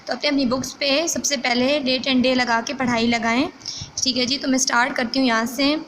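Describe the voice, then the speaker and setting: A woman teacher from Pakistan reading a textbook lesson slowly, then re-explaining each point and checking in with her students. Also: sits high, fairly even intonation, a bit bright, slight background noise, rough recording.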